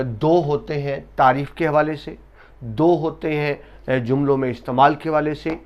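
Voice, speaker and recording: Man, teacher, grammar lecture, slow emphatic delivery, repeats terms, slightly high voice. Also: highs cut off. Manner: slow, emphatic, stretching key words; addresses students directly, repeats terms for drilling. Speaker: Urdu lecturer.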